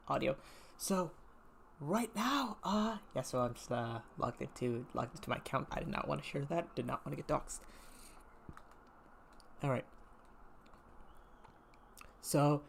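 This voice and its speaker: Gravelly-voiced young man rambling on stream. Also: fairly high pitch, a little hiss or hum. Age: early 20s. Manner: halting, rambling, self-correcting. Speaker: livestreamer. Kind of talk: casual livestream chat.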